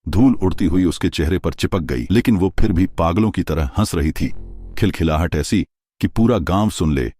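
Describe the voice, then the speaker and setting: A man with an extremely deep voice reads a serialized story in a steady, dramatic way. The sound is dry and close, with no room around it. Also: moderate pace, dry recording. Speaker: narrator. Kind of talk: scripted audiobook narration.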